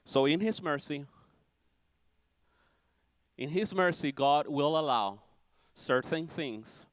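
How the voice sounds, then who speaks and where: A man preaching a sermon with dramatic swings from loud declarations down to near-whispers. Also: a little high, expressive, slow, clear, resonant tone, dry recording.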